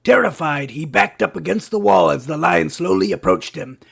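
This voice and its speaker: A scruffy male cartoon bat comedian, played by a man tells one silly joke after another. His voice is gravelly and husky and sits a little high. He hits each punchline and switches voices for the people in his jokes. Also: heavily acted. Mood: cheeky. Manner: punchy joke delivery, quick switches between characters' voices. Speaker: late-night comedy host. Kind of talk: cartoon stand-up joke telling.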